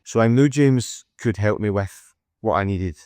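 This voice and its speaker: Low-voiced man with a broad Scottish accent. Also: unhurried, darkish tone, no echo. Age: 30s. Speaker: client giving a testimonial. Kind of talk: casual spoken testimonial.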